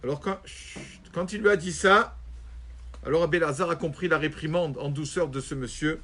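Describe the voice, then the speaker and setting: A rabbi telling a story in a religious lesson, animated and acting out quoted voices. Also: male voice, on the high side, normal speed, a little hiss or hum.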